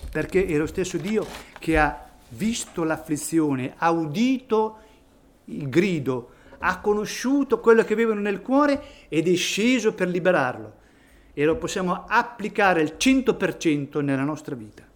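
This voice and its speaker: A man's voice: sits high, expressive, unhurried. A man preaching a sermon in a church, reading scripture and rising to emphatic peaks on key phrases.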